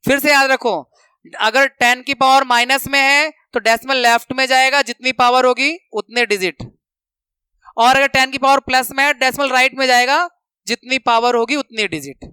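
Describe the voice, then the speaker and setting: A man teaching a maths lesson, counting steps out loud and repeating the rules for students to remember, speaking terms. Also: very high voice, fairly even intonation, moderate pace, smooth, dry recording. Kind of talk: classroom lesson explanation.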